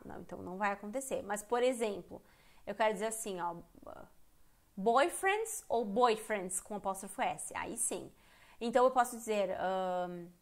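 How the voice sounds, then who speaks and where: A Brazilian woman with a fairly high voice teaches English in a live online lesson. She talks candidly and chattily and often breaks off mid-sentence to restart her thought. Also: a bit bright. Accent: Brazilian Portuguese. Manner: candid, chatty, self-interrupting. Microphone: computer mic on a live stream.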